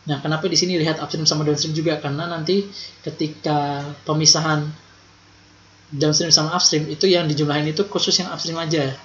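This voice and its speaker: This accounting lesson comes from a young man in a casual, colloquial style, with important points said more than once for emphasis. He talks a little fast in a level tone at a slightly high pitch, and the audio is lo-fi and dull, echoey, with faint noise.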